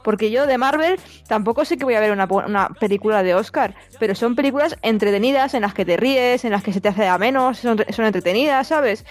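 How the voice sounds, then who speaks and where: A woman's voice: on the high side, a little fast, faint music behind. Frank slangy woman from Spain. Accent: Spain Spanish. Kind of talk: casual film review chat.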